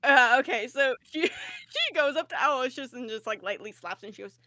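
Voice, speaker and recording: A woman's voice: high voice, huge pitch swings, moderate pace, bright, forceful tone, no echo, studio quality. A woman chatting casually as a tabletop game player, giggly and peppering her talk with "like" as she describes her character.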